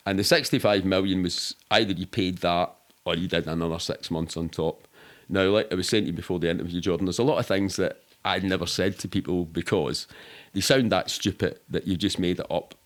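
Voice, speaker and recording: His voice is low, his tone steady and his delivery brisk. He's a middle-aged man with a Scottish accent from around Glasgow, telling animated, casual anecdotes as a podcast guest, sweary and colloquial, acting out other people's remarks.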